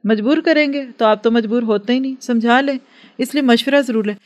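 A woman's voice: on the high side, fairly quick. A woman giving an earnest religious lecture to a class, advising and acting out everyday dialogues. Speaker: religious teacher.

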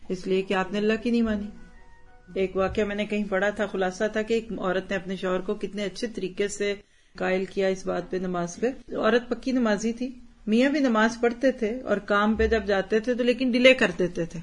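A woman's voice: mid-range voice, steady tone. Persuasive woman giving a religious talk. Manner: persuasive, asks many rhetorical questions; mixes English words into her speech. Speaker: religious teacher.

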